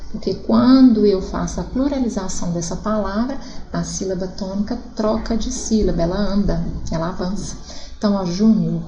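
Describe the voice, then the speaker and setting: Woman, Brazilian accent, teacher, explanatory, warm tone, echoey room. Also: mid-range voice. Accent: Brazilian Portuguese. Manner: explanatory, checks understanding with "tá?" and "ok?". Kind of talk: recorded classroom lesson.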